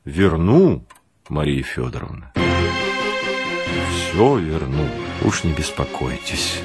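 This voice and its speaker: A man voicing a composed, dismissive middle-aged gentleman who speaks calmly and offhandedly. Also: rumbling low, slow, loud music behind the voice, heavily acted.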